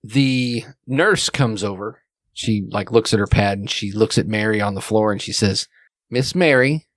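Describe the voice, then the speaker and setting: A man's voice: lowish voice, steady tone, normal speed, dry recording. A man running a tabletop game as game master, narrating with many fillers and putting on voices for the characters.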